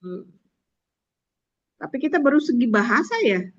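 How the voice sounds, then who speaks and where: A woman moderating a casual group discussion and checking who has spoken, brisk and chatty. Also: fairly high pitch, lively intonation. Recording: dull lo-fi audio.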